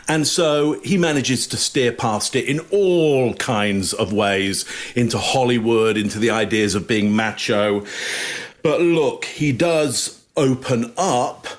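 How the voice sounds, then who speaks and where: A man analyzing body language on a panel, speaking in a measured, hedging way with pauses and fillers. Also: medium pitch. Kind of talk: casual panel commentary.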